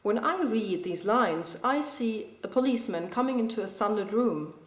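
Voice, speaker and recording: A woman calmly walking through a close reading of a poem, in a measured, explanatory way. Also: on the high side. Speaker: video blogger explaining a poem. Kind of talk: scripted literary analysis. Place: school building indoors. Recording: echoey room.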